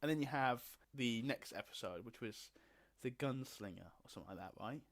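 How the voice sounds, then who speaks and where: A man co-hosting a casual podcast, excitable and laughing often. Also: mid-range voice, brisk. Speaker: podcast co-host. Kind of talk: casual chat.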